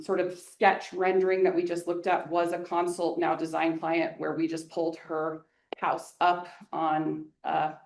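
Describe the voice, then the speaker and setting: Lively woman landscape designer in echoey hall. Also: on the low side. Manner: energetic, chatty, joking. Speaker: landscape designer giving a talk. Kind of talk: public presentation with audience Q&A. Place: meeting hall.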